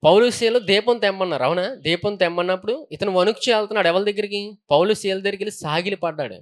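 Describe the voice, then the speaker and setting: High-voiced pastor preaching. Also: male voice, fast talker. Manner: preaching with frequent hallelujahs and questions to the congregation. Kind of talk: sermon.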